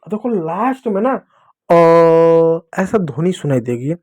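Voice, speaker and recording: A man teaches a beginners' reading lesson to young children in a friendly, playful manner, using everyday examples and plenty of repetition. His voice sits high and sing-song, with a darkish, breathy tone and a moderate pace.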